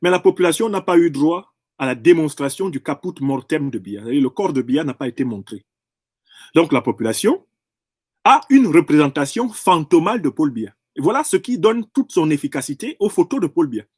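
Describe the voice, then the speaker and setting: A man speaks in an emphatic, professorial monologue, rephrasing and repeating phrases to press each point. His voice sits high for a man and swings widely in pitch. The recording is dry and close, with no room sound. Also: very animated, brisk, darkish tone, slightly rough, no room sound. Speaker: political commentator. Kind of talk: impassioned political monologue.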